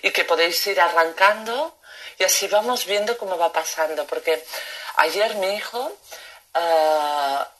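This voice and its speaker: A woman in her thirties or forties with a Spain Spanish accent, chatting live with viewers and often checking in with a quick question. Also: lowish voice, fairly bright tone.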